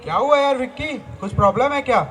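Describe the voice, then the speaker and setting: A man acts out a friendly young college pal in a stage play. His voice is very high for a man, casual and persuasive, with some light noise behind. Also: fast talker. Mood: coaxing. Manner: casual, coaxing. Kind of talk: amateur stage play acting.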